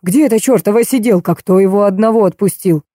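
A woman's voice: mid-range voice, mellow, no echo, clean studio sound, pitched above the performer's own voice, natural voice. A woman reading an audiobook, voicing a flustered older man who hurries and fusses over his guest. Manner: hurried, fussing. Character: fussy older male host, flustered.

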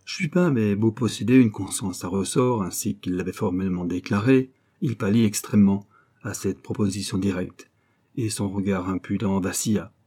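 A man with a low, dark, mellow voice narrates a novel as an audiobook. His delivery is steady and even, told in a scripted storytelling style. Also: normal speed.

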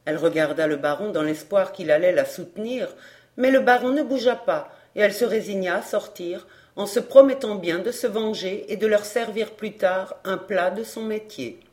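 A woman reading a classic crime novel aloud in a measured, even storytelling voice. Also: medium pitch. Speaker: audiobook narrator. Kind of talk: scripted narration.

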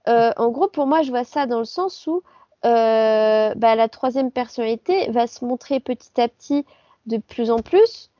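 A woman with a mellow, slightly high voice explains her view in casual podcast chat, repeating herself. The sound is dry and lo-fi, like an online call. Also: expressive, measured pace, no echo. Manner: explains with fillers and repetitions. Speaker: podcast co-host.

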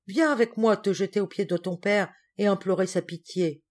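A woman voicing an excitable, indignant middle-aged spinster cousin in an audiobook, with exclamatory, melodramatic speech. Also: fairly high pitch, measured pace. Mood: outraged.

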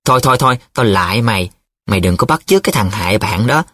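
A man's voice: fairly low pitch, animated, quick pace, a bit bright, no echo, studio quality. A man voicing a teasing, dramatic young male student who talks in a playful, showy way, in an audiobook. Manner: playful, showy, sing-song when reciting.

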